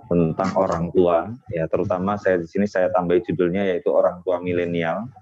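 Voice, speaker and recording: A man in his forties with a very low voice gives a webinar talk to parents. He speaks in an unhurried, hesitant way and leans on fillers and tag questions. The sound is dull and lo-fi, as over a video call. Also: noisy background. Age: 40s.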